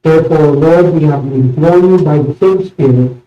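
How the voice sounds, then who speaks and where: A man with a very soft, dark voice leads communion as a priest in an echoing church. He recites the liturgy solemnly, phrase by phrase. The sound is muffled and picked up from a distance, with a cathedral-like echo. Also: a little high. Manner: solemn, measured phrasing in short pauses. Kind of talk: liturgical recitation of a eucharistic prayer. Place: large reverberant indoor church space.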